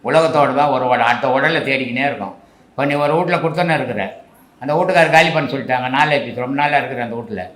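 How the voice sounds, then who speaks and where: A man's voice: mid-range voice, fast talker, fairly bright tone, roomy sound. An older man, a spiritual teacher, answering questions in casual, instructive speech with rhetorical questions.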